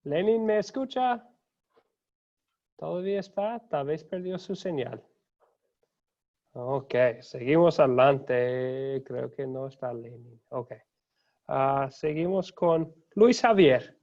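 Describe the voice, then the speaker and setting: A man leading an online class as pastor, speaking slowly and courteously as he welcomes each student by name. His voice sits a little high. The sound is the dull, lo-fi audio of a video call. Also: darkish tone. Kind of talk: unhurried roll call of students.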